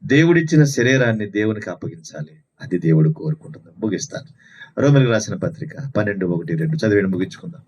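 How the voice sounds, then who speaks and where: A man's voice: fairly low pitch, lively intonation, fast, darkish tone, breathy edge. A man preaching a sermon at a Sunday house meeting, telling stories and asking rhetorical questions with lots of repetition. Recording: dull lo-fi recording.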